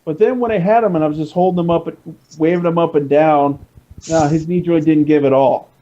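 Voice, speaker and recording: A man in casual podcast chat, talking excitably and rambling with many restarts. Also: fairly high pitch, a little fast, dull audio. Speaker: podcast co-host.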